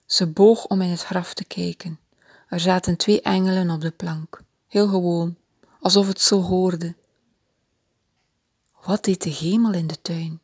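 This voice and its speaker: A woman reading a children's Bible story aloud in a gentle, expressive way. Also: lowish voice, unhurried, pauses often, slightly rough, no room sound, clean studio sound.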